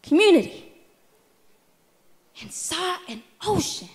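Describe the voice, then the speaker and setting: At a stand microphone in a wood-paneled hall, a young woman performs a spoken word poem in a very high, sing-song voice. The delivery is rhythmic and emphatic, built around deliberate stammered repetitions.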